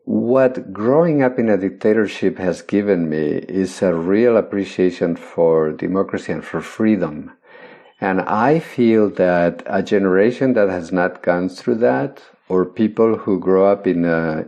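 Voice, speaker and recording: Low gravelly older man. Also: a little slow, warm tone. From Spain. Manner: reflective, thoughtful, laughs lightly. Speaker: guest, meditation teacher. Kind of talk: podcast interview over video call. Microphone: video call.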